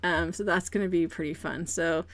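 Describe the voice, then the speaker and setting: A woman streaming a game live, chatting casually with her viewers and greeting them by name, with a quick excitable streak and repeated exclamations. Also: lowish voice, no echo. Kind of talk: casual live-stream chat while gaming.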